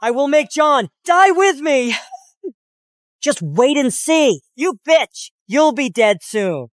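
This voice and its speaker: A furious, spiteful male schemer who screams threats and curses, dubbed by a woman. The voice is high and leaps around wildly in pitch. The delivery is slow and drawn out, and the recording is dry and close. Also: sing-song, no room sound, exaggerated voice. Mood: raging. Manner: yelling, spiteful, with taunting laughs. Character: scheming, furious male villain who has been exposed. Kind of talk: dubbed drama acting.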